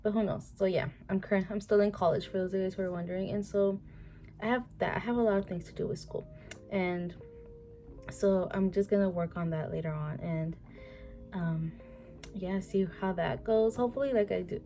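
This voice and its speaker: A woman's voice: mid-range voice, brisk, warm tone. A woman in her twenties chatting casually to camera, rambling with many fillers and restarts. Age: 20s. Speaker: vlogger.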